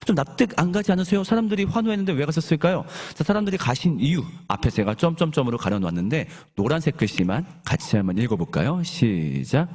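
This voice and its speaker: A man's voice: a little high, big pitch swings, quick pace, hardly any pauses, darkish tone. A male pastor preaching a sermon in a conversational, storytelling way, often asking the congregation questions and leading them in reading scripture aloud together. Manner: questions the congregation and leads group Bible reading.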